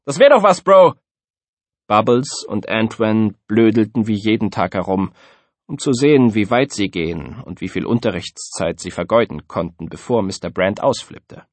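A man narrating a first-person audiobook in a steady, measured storytelling manner. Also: fairly low pitch, no echo.

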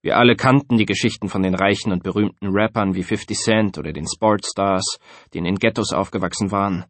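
A man narrating a first-person audiobook in a steady, measured storytelling manner. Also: low-pitched, dry recording.

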